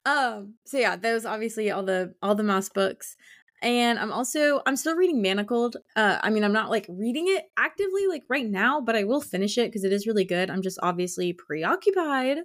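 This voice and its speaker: Brisk and animated, this fairly high-pitched woman co-hosts a casual book discussion podcast. She's a school teacher whose talk is informal and effusive, packed with "like."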